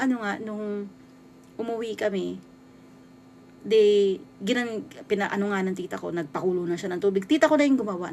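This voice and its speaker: A woman in her thirties from the Philippines, telling a true horror story in a casual, halting way with many restarts. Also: a little high, a little hiss or hum. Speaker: vlogger.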